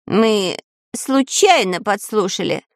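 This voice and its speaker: A woman voicing a sly, lying male spy in a nasal, drawn-out whiny voice for a storybook. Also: medium pitch, sing-song, no room sound, studio quality, pitched above the performer's own voice.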